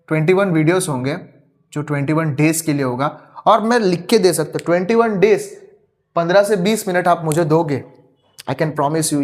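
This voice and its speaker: A young man giving an earnest spoken lecture, asking rhetorical questions over and over and mixing in English words. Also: a little high. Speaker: youtube teacher.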